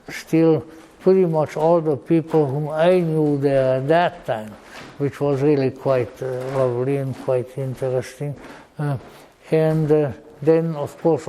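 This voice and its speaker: An elderly man with a Hungarian accent giving an informal, rambling talk in a halting, deliberate manner, with formal old-fashioned wording and dry humour. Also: a little high, dark tone, low-quality recording. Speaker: lecturer. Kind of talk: informal rambling reminiscence to an audience.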